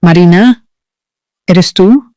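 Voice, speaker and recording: A woman voicing a gentle, concerned middle-aged mother in a narrated story. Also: lowish voice, extremely slow, no echo, clean studio sound.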